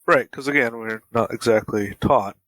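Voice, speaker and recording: A man's voice: medium pitch, normal speed, fairly bright tone, no room sound. A man co-hosting a podcast, laid-back in casual chat, mostly chiming in agreement. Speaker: podcast co-host.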